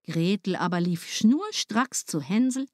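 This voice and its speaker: A woman reading a fairy tale aloud, in a lively, expressive way. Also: medium pitch, unhurried, no echo, studio quality. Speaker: storyteller.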